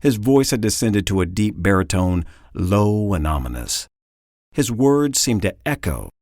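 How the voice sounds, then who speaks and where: A man narrating an audiobook with a lowish voice that rises and falls dramatically. He tells the story expressively. The studio sound is dry and close. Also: big pitch swings, a little slow, a little mellow, no room sound.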